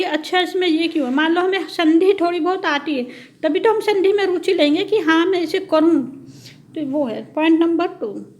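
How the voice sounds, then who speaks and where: A woman teaching a pedagogy exam-prep lesson. She reads each point slowly, then explains it with everyday examples, often checking in with "ठीक है" and "है ना". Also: high voice.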